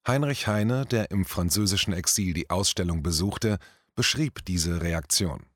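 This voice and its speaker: A man reading a scripted commentary aloud in a measured, deliberate manner. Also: low-pitched, breathy edge, no echo, clean studio sound. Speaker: commentary reader.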